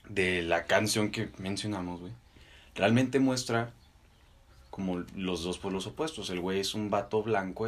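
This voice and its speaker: A young man with a Mexican accent co-hosting a podcast, debating casually and deliberately in short, halting phrases. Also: lowish voice. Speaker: podcast co-host.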